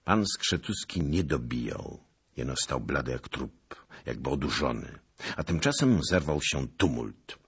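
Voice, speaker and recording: A man reading an audiobook aloud with expressive, theatrical literary narration. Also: rumbling low, slightly rough.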